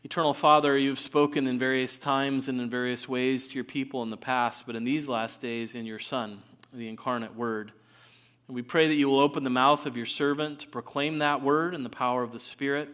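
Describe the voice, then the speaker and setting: An earnest male pastor preaching at a pulpit microphone in a church sanctuary. He leads prayer and reads scripture at a measured pace, filling pauses with an occasional "uh" as he sets up his text. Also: mid-range voice, fairly even intonation, a bit bright, smooth. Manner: earnest, measured delivery with frequent "uh" fillers. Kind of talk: sermon with opening prayer and scripture reading.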